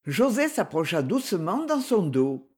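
An audiobook narrator reading a novel aloud in an even storytelling manner. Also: medium pitch, unhurried, husky. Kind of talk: scripted narration.

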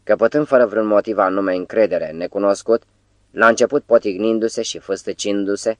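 Deep-voiced male audiobook narrator. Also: no echo. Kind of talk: scripted narration.

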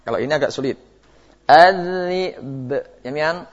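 A man's voice: medium pitch, moderate pace. A man teaching Quranic recitation rules, modeling sounds and repeating them to correct listeners while answering questions. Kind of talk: tajwid lesson answering questions. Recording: muffled lo-fi 2000s lecture tape.

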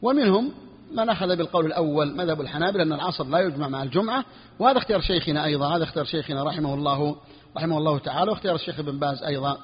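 A man teaching a lesson on Islamic jurisprudence, repeating each phrase for his students and clearing his throat now and then. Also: fairly high pitch, rapid-fire. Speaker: sheikh teaching Hanbali jurisprudence. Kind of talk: classroom lesson on a fiqh text. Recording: dull, lo-fi recording with long reverb.

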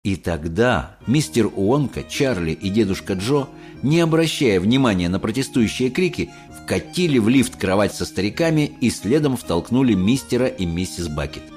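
A man reading a children's story aloud as an expressive audiobook narrator. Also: on the low side, moderate pace, faint music behind.

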